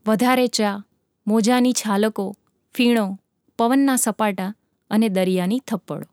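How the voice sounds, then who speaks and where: A woman narrating a dramatic sea story with a vivid, measured reading. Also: medium pitch, a little mellow, no room sound, studio quality.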